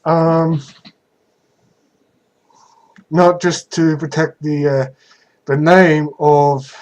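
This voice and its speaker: Halting man, slow and slightly high-voiced. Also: fairly even intonation, lo-fi sound. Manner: halting, hesitant, pausing often mid-sentence. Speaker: vlogger answering viewer questions. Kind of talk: casual unscripted question-and-answer talk.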